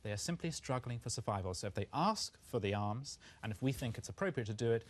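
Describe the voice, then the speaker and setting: Male British pundit, brisk pace, fluent and forceful debating delivery. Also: mid-range voice, animated. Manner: articulate, forceful argument. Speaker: debate guest. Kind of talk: televised political debate.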